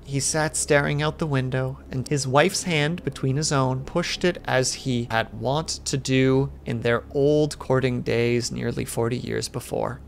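A man streamer reading a classic horror story aloud in steady narration with small slips. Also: mid-range voice, a little slow, vocal fry, few pauses, slight background noise.

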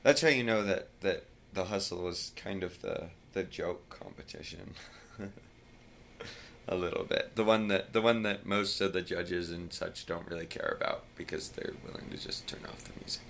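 A tired man chatting casually in a home vlog, rambling and sometimes dropping his voice very low. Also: normal speed, gravelly, a bit bright, a little hiss or hum. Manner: rambling, drops voice very low at times. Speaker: vlogger. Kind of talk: casual chat.

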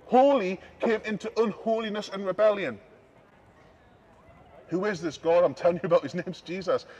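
A man preaching in the open air on a city street, emphatic and repetitive, swinging between loud declarations and hushed asides. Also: high voice, slightly rough, poor audio. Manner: emphatic, repeats key phrases, shifts between loud and hushed.

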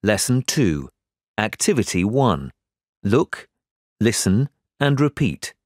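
Man, textbook audio narrator, slow measured cues, lively pitch, dry studio sound. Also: dry recording. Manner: slow, clear, measured reading. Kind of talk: announcing page and activity numbers.

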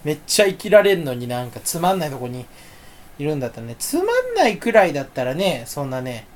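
A man talking to himself in a rambling solo monologue. He is self-mocking and erratic, swinging from loud outbursts to low mutters. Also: sing-song, fast talker. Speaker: solo talk channel host.

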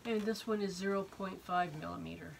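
An older woman in her sixties, slightly hoarse from a cold, talks haltingly and casually through an unboxing, thinking aloud as she goes. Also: on the low side, fairly even intonation. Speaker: art vlogger unboxing supplies. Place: indoor home art studio, wood-beamed. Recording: noisy room, clicks and rustling.

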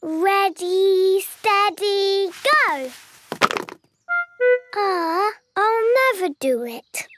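A woman voicing a cheerful, excitable little girl piglet in a cartoon. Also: very high-pitched, extremely slow, over loud music, full character voice. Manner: bouncy, excitable. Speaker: child cartoon character.

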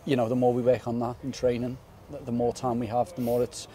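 A young man in his twenties, a footballer giving a post-match interview outdoors on a floodlit pitch at night, earnest and repeating words as he thinks. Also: monotone, quick pace, warm tone. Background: faint outdoor stadium ambience.

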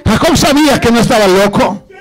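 A male pastor with a notably high voice delivers an impassioned sermon. He keeps calling his listeners brothers and dramatizes the prayers of biblical figures with fervor. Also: animated, brisk. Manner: impassioned preaching, repeatedly addressing listeners as brother; acts out biblical speech with fervor.

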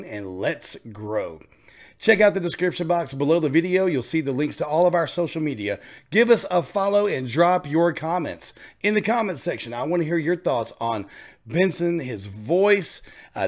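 A man hosting a reaction channel, chatting casually and reacting with enthusiasm over faint music. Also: on the high side. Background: faint music playing.

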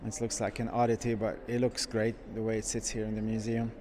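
Low, flat-voiced man touring cars. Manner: enthusiastic, conversational, frequent "uh" pauses. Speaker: car shop owner touring a museum. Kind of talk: casual walk-through commentary. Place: indoor car museum halls.

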